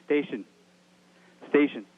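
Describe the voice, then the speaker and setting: A male teacher calling over a radio link, using formal call-and-answer radio procedure. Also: slow pace. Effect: radio link audio. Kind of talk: live radio call with a space station. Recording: tinny phone-line radio with long reverb.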